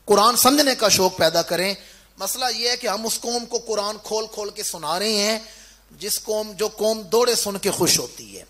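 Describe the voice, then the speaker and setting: A man preaching a sermon to a village gathering, putting questions to his listeners and answering them himself, moving between loud declaiming and quiet explanation. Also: high voice. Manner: orator who quizzes the crowd and answers himself. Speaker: Islamic preacher. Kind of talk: Urdu sermon.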